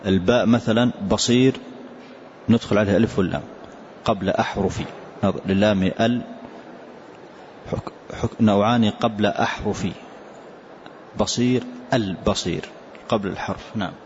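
A man's voice: fairly low pitch, steady tone, normal speed, long pauses, a little mellow. A man teaching as a sheikh, patiently repeating a student's recited line and then explaining it. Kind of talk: classroom text explanation. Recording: dull lo-fi lesson recording, faint hiss.

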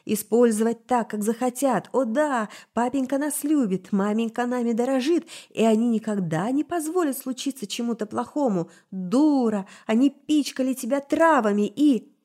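A woman's voice: a little high, moderate pace, natural voice. A woman doing a scornful succubus alter ego. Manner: sharp, mocking, clipped.

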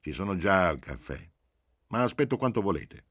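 A man voicing a hearty, jovial police agent who talks in a loud, overly familiar way, in an audiobook reading. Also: deep voice, very animated, moderate pace, husky, no room sound, studio quality, voice pushed up, exaggerated voice.

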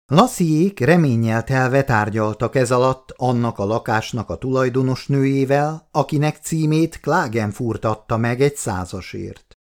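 Lively male audiobook narrator. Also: medium pitch.

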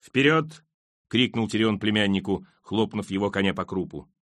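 A man reading a fantasy novel aloud as an audiobook, in a steady, expressive storytelling manner. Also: on the low side, brisk, no room sound, studio quality. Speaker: audiobook reader. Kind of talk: dramatic audiobook narration.

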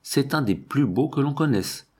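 A man reading a novel aloud, with measured, expressive first-person storytelling in a husky voice. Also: medium pitch. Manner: measured, expressive storytelling, slow at chapter headings. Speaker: audiobook narrator. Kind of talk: scripted narration of a novel.

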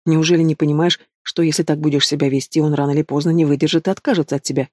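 A man's voice: fairly high pitch, steady tone, very fast, a little mellow, no echo, studio quality, lightly acted. A man voicing a blunt, reproachful middle-aged mother who lectures her daughter, in an audiobook. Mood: scolding. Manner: bossy and reproachful.

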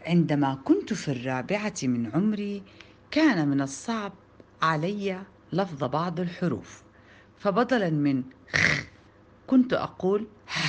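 Expressive woman reading a children's book. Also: lowish voice, measured pace, pauses often, muffled recording. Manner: expressive, lively storytelling. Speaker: storybook reader.

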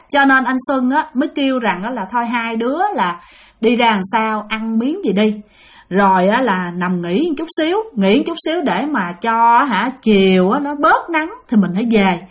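A woman with a Southern Vietnamese accent and a slightly high, fairly bright voice tells a ghost story. She keeps it chatty and casual, often speaking directly to her listeners.

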